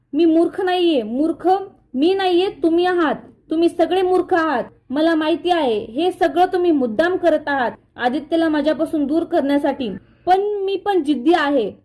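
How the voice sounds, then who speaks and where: A woman's voice: high voice, darkish tone, natural voice. Woman reading a furious scheming young woman. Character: angry scheming young woman, hot-tempered.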